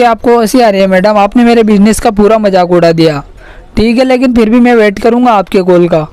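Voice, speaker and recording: A man's voice: high voice, a little mellow, smooth. A man making a prank phone call, insistent and mock-earnest, addressing the listener as madam in almost every sentence. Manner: insistent, repeats "madam" constantly. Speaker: prank caller.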